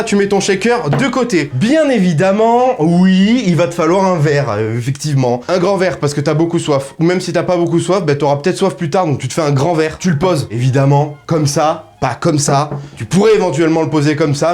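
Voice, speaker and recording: A man's voice: fairly high pitch, darkish tone. A man hosting a comedic cocktail tutorial, talking straight to the viewer in crude, ironic, mock-serious patter. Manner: addresses viewer directly. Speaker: host.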